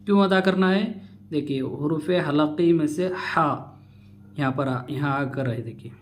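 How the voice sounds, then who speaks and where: Slow-spelling male Quran reading teacher. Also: fairly high pitch. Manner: spells letters and vowels aloud, then explains rules briskly. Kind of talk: slow spelled-out recitation lesson.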